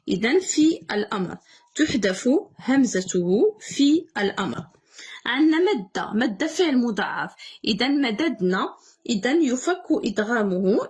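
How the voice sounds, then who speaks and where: Brief: young Moroccan woman teacher, fast husky delivery, quizzes herself aloud on grammar rules. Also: fairly high pitch. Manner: repeats key words, asks and answers own questions. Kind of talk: exam correction lesson.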